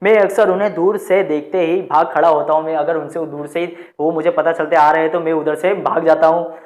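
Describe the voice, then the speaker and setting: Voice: mid-range voice, steady tone, a little fast, darkish tone. A teacher reading a textbook story aloud, repeating each sentence and explaining it in simpler words while talking to the listeners as friends. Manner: rereads each sentence, then restates it in plainer words; addresses listeners as friends, with frequent "let's move on" prompts.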